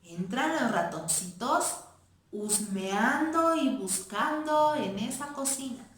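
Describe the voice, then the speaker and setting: A woman primary school teacher reading a play aloud to children in an expressive way, in an echoey room. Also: a little high, slow, slight background noise. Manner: expressive, addressing children directly.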